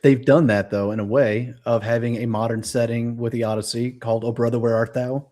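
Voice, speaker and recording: A man joins a casual live stream as the guest expert, chatty and ready with a joke. He cuts in quickly to add a point. His voice sits at an ordinary middle pitch for a man. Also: flat delivery, warm tone. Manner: joking, chatty, quick to chime in.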